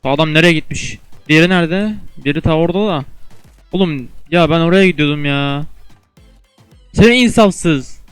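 Excitable young man narrating gameplay. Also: a little high, fairly quick, smooth, no room sound, soft background music. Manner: excitable, swears and trash-talks teammates and enemies; shouts suddenly in tense moments. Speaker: gamer and video host. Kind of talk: casual gameplay commentary.

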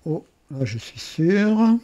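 A man with an Alsatian accent walking through a software tutorial, thinking aloud, correcting himself and adding chatty asides. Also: sits high, big pitch swings, slow, highs cut off. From Alsace. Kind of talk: screen-recorded software tutorial.

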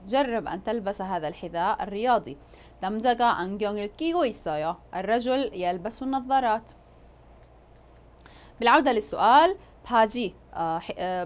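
A woman teaching a language lesson, explaining words patiently and pausing often with drawn-out fillers. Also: mid-range voice.

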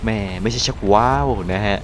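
A young man from Thailand giving casual live commentary over his gameplay, excitable and loose, swearing and exclaiming at the action. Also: fairly low pitch, normal speed, a little hiss or hum. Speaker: gaming channel host.

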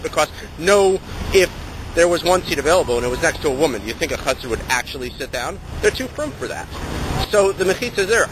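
A young man with a fairly high voice delivers a wry, rambling satirical rant like a mock street reporter. He holds the camera at arm's length outdoors, and clear city street noise runs behind him. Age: young adult. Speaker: vlogger. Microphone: handheld camera at arm's length.

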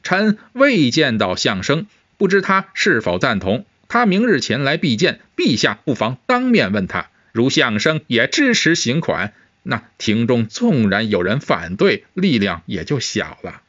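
A man reading a comic-book story voices a cautious, eloquent war minister who speaks in a measured, formal and deferential way. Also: medium pitch, big pitch swings, a bit bright, no echo. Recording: dull, muffled sound.

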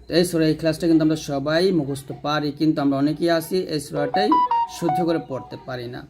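A man teaching correct Quran recitation, spelling out letters and vowel marks and reciting each verse slowly. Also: a little high, fairly even intonation, over loud music. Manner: quick explanations between drawn-out recitations. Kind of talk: tajweed lesson with slow chanted recitation.

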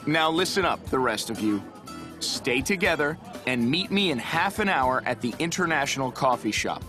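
A man voicing a responsible group leader in a scripted textbook dialogue, speaking slowly and clearly. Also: medium pitch, expressive, pushed and bright, soft background music. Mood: commanding. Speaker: recorded dialogue voice.

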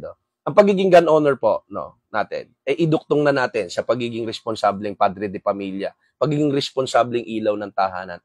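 Male host, mid-pitched, earnest live-stream sermonizer, dry close sound. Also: a little mellow, no echo. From Samar, Philippines. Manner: earnest and preachy, repeating tag questions and "brothers" to the audience. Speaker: host of a gun-owner talk show. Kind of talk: live-stream talk to viewers, reading comments.

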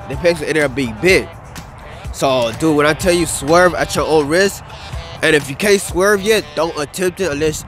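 A young man with a fairly high pitch, who rides wheelies, chats loosely in an outdoor interview on a grassy field near a city skyline. He rambles with slang and many a "bro" and "dude," speaking into the interviewer's handheld mic while background music plays.

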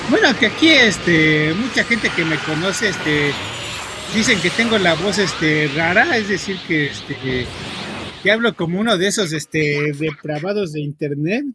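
A man from Mexico with a Mexican accent, chatting to viewers while he plays, rambling, filling every pause with "este" and swearing at the game in bursts. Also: sits high, expressive, background noise. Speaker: gaming streamer. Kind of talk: casual gameplay commentary to viewers. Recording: loud game music under the voice. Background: game music.

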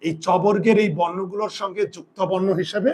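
A man's voice: high-pitched, steady tone, quick pace, a little mellow. A man teaching a live class in a classroom, asking his students questions and answering them himself in a repetitive, drilling way. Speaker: Bengali grammar teacher.

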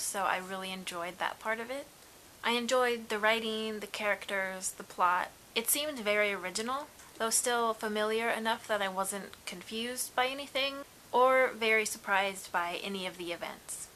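A chatty woman reviews books in a casual vlog, upbeat and eager. Her voice is bright and clear, with a faint hiss behind it. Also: medium pitch, rough recording. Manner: chatty and upbeat, with frequent "really". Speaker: book vlogger. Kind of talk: casual book review and giveaway.

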